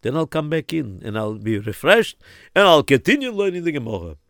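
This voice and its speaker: A man voicing a pious, excitable middle-aged man who stammers and exclaims. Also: on the high side, brisk, no echo, studio quality. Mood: weary.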